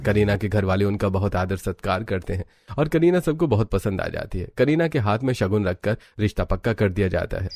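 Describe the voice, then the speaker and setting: A man narrating a cartoon story in a steady storytelling manner. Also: fairly low pitch, a little hiss or hum.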